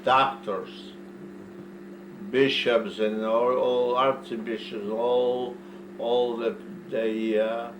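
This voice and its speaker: An older man from Poland with a Polish accent, recalling his past in a casual interview, halting and repeating words in broken English. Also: mid-range voice, level tone. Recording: roomy, far from mic, noisy.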